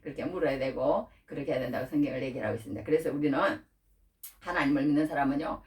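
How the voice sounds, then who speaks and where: A woman preaching a Bible-teaching sermon, animated and full of rhetorical questions, acting out quoted prayers. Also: very deep voice, very fast, far from the mic. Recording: echoey room, voice from off-mic.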